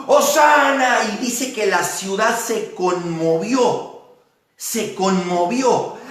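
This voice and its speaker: High-voiced man preaching in echoey hall. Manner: animated preaching, acts out crowd shouts. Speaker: pastor. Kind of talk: sermon. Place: church. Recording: very echoey church hall, mic far off.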